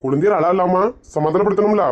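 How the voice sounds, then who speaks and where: A woman's voice: lowish voice, fairly quick, darkish tone, dull audio, pitched below the performer's own voice, natural voice. A woman voicing a meek middle-aged husband with a Kanyakumari Tamil accent, pleading and coaxing.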